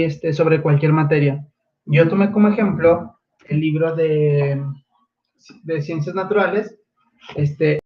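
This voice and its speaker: A male primary school teacher from Mexico giving a patient livestreamed lesson to his pupils, pausing often on fillers like "eh" and "este". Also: on the high side, lo-fi sound. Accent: Mexican Spanish. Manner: halting, many fillers like "eh" and "este"; patient, gently instructive.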